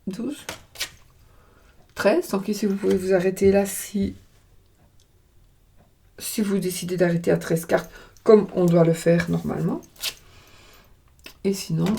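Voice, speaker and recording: Gravelly, mellow woman with a regional French accent, chewing gum as she reads tarot casually. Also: lowish voice, a little hiss or hum. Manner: hesitant, thinking aloud, chewing gum. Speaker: tarot card reader. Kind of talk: casual card-reading vlog.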